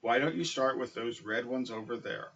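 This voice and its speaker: A man voicing a sly, hungry male wolf in a storybook, with smooth, scheming talk. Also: medium pitch, moderate pace, a bit bright, recorded from a distance, highs cut off.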